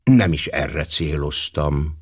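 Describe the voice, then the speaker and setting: A man reading an audiobook voices a quiet, precise older male detective who speaks softly and deliberately. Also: deep voice, very animated, full character voice. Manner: soft, measured, slightly apologetic.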